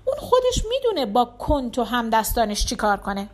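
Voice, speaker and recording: A woman voicing a calm, wise emperor in disguise who speaks earnestly. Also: fairly high pitch.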